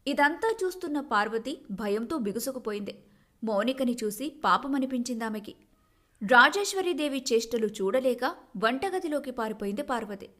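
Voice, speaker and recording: A woman storyteller giving scripted, expressive narration of a family story. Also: on the high side, normal speed.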